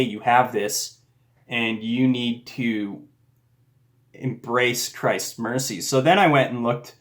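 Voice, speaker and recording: A man talking casually and earnestly about a personal faith experience, rambling with frequent restarts. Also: mid-range voice. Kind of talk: casual reflective monologue.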